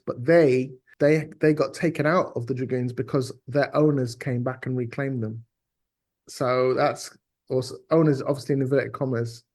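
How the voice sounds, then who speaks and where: A man's voice: medium pitch, a little mellow. British man telling stories conversationally. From Britain. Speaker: podcast guest, writer and teacher. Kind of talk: conversational storytelling interview.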